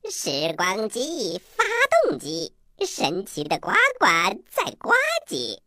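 Children's story frog: croaky, playful, exaggerated, very animated delivery. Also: male voice, high-pitched, takes it slowly, no room sound, studio quality, heavily acted. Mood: playful, resigned. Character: cheerful eager little talking frog, knowledgeable time-machine guide. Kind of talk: children's audio story acting.

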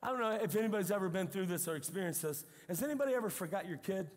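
An older man preaching a sermon as pastor, telling stories in an animated way with emphatic outbursts. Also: sits high, very fast. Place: church sanctuary. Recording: long reverb of a large hall.

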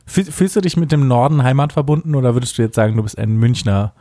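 A man's voice: medium pitch, fast talker, dark tone, no room sound, clean studio sound. Man with rolled r, slight Franconian accent. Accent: slight Franconian German. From Franconia, Germany. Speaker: podcast co-host. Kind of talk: casual podcast chat.

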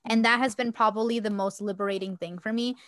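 A woman's voice: mid-range voice, steady tone, fast, a bit bright, dry recording, studio quality. A woman co-hosting a podcast in casual chat, rambling and reflective with many fillers. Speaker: podcast co-host.

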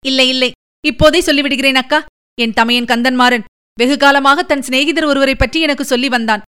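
A woman's voice: high-pitched, fairly even intonation, brisk, pushed and bright, smooth. A woman reading the part of a grief-stricken young noblewoman in an audiobook, pleading and tearful.

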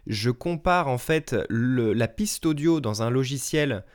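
A man's voice: mid-range voice, lively intonation, a little slow. French man explaining language-learning tips. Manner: friendly explanatory, many fillers and self-corrections. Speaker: language-learning podcast host. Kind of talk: solo podcast advice talk. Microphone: podcast microphone.

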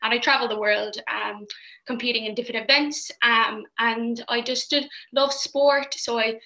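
A young Irish woman chats as an interview guest in a bright, fairly high voice. Her delivery stays even, with a creaky edge, over a roomy, echoey call. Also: moderate pace. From Ireland. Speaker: podcast guest, fitness coach. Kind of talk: casual interview answers.

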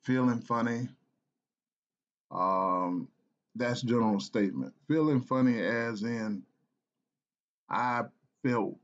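A man's voice: mid-range voice, highs cut off. Earnest man telling a personal story. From South Carolina, United States. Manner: earnest, halting, with restarts and repeated phrases.

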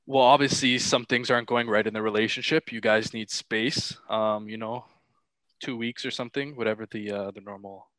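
Young male co-host, laid-back questioner, bright voice, dry sound. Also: fairly low pitch, steady tone, normal speed, no echo, rough recording. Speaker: podcast co-host. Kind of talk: casual chat.

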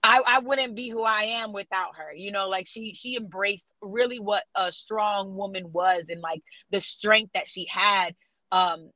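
Bright-voiced woman chatting animatedly. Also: mid-range voice, unhurried, no room sound, poor audio. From South Florida. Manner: animated, many fillers and restarts. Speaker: guest muralist. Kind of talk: casual interview conversation.

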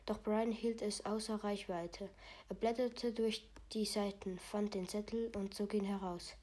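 Woman, storybook narration, steady, dark mellow tone, little pitch movement. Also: a little slow. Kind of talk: storybook reading.

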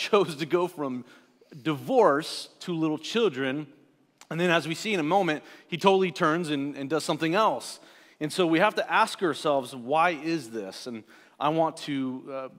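A man in his forties preaching a sermon as pastor. He talks in a plain, conversational way with asides to the congregation. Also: a little high. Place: church sanctuary. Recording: church hall with long reverb.

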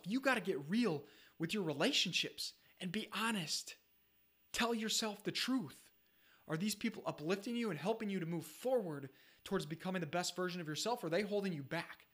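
A man's voice: sits high, a bit bright. A man in his thirties giving an earnest motivational talk, urging listeners directly and repeating his points. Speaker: self-improvement speaker.

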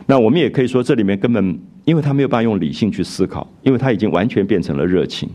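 A man's voice: lowish voice, expressive, very fast, dark tone. A man giving a storytelling lecture on a classic novel, retelling its scenes and musing aloud about them.

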